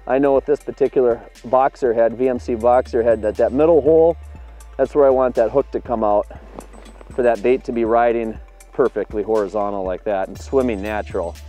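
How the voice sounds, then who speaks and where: A man's voice: medium pitch, fairly quick, mellow, faint music behind. A man in his thirties on a boat on a lake, explaining his fishing tackle and catches in an upbeat way. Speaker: fishing video producer. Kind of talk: on-the-water fishing demonstration. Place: open boat on a lake, outdoors.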